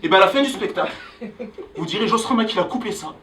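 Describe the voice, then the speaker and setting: A young man from Angola doing a stand-up comedy set on a club stage, loudly hyping the crowd between jokes. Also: high-pitched, quick pace, recorded from a distance, a little hiss or hum, rough recording. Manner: animated, hyping the crowd with loud calls. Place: comedy club stage before a live audience.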